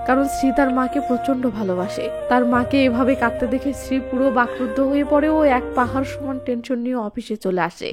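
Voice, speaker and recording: A woman narrating a movie recap in a lively storytelling way, reading every character's dialogue in her own voice. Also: high voice.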